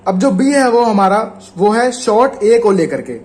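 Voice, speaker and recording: A man with an Indian Hindi accent, teaching a shorthand lesson in a casual, patient way and repeating example words slowly. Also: high-pitched, big pitch swings, a little mellow.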